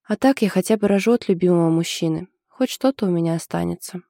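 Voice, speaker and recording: An anxious young woman in love, confiding her trouble in a hesitant way, as a woman reads her part. The voice is mellow and dark. It sounds dry and close. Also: on the low side, fast talker, creaky, dry recording. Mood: bitter.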